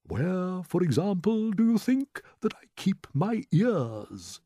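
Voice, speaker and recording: Genial old storybook grasshopper, played by a man: avuncular, proud, swooping pitch, leisurely emphatic words. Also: sing-song, measured pace, a little mellow, dry recording. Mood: gentle, teasing. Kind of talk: storybook character voice.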